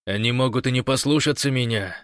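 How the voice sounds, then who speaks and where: A man voicing a sly, scheming man who feigns meekness, speaking soft and wheedling in an audiobook. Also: medium pitch, fairly quick, no echo, clean studio sound, pitched above the performer's own voice, lightly acted. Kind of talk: audiobook character voice.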